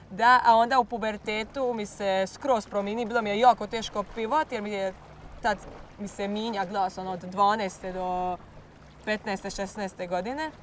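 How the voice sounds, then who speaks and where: Here a teenage girl from Croatia talks in Croatian-accented English about singing in a klapa, responding to interview questions. Her voice is medium-pitched, steady in tone, and a little hoarse, she often pauses to find words, and there's a little hiss or hum.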